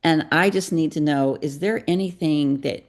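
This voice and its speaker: A middle-aged woman with a deep, gravelly voice, speaking as a podcast guest. She talks earnestly and confessionally and acts out snatches of dialogue as she tells her story. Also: normal speed, a little mellow. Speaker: guest, psychotherapist and parenting coach.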